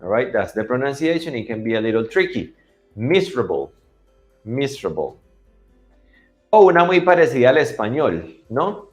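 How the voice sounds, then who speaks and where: A man teaching English to children in an online class, often checking they follow and drilling pronunciation slowly. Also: medium pitch, expressive, darkish tone, soft background music. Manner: teacherly, asks for agreement after each point.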